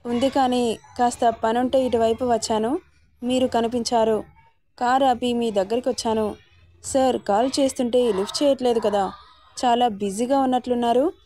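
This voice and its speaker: A woman's voice: fairly high pitch, fairly even intonation, normal speed, dark tone, close to an everyday voice. Woman reading as a casual young college guy. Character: friendly young male college student, casual.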